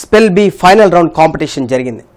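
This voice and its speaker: A man reads local news in a brisk, formal style. His voice sits quite high and the words come fast. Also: expressive. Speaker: news reader. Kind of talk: scripted news reading.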